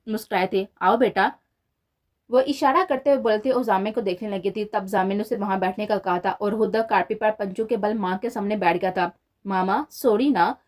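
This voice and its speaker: A woman narrating a romance novel as scripted storytelling, in a steady, even reading manner. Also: medium pitch.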